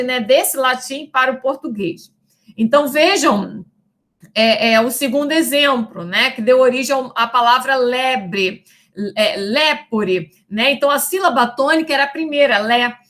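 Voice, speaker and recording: A woman teacher lectures in a high, clear, bright voice. She explains step by step, often pausing to check understanding, and slows right down to draw out the words she uses as examples. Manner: didactic, checks in with "né?" and "tá?"; stretches out example words slowly. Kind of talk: recorded lecture.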